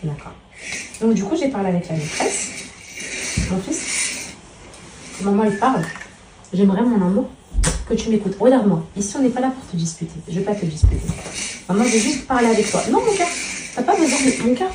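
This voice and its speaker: A woman's voice: medium pitch, very animated, fast talker, far from the mic. Tender mother in a roomy, noisy home. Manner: tender, heaps pet names on her children; chatty, addresses her followers as girls. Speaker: mother and vlogger. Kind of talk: casual vlog talk.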